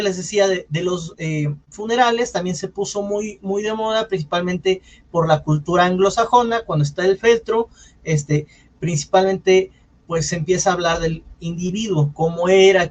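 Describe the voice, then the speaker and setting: A man with a Mexican accent teaches public speaking in an online session. His voice sits high for a man. He talks in a loose, conversational way, with apologetic asides and self-corrections. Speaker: radio announcer giving a public speaking talk. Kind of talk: online lecture.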